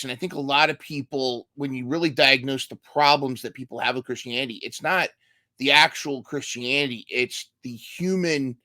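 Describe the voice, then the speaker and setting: A man's voice: mid-range voice, sharp tone, no echo, clean studio sound. A man hosting a casual podcast interview, thinking aloud and often repeating and restarting his words. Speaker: podcast host.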